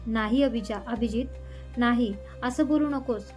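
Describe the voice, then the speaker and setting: A woman's voice: a little high, unhurried, a little mellow, soft background music, natural voice. A woman storyteller voicing a tearful young woman begging not to be shamed. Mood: pleading. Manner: pleading, tearful.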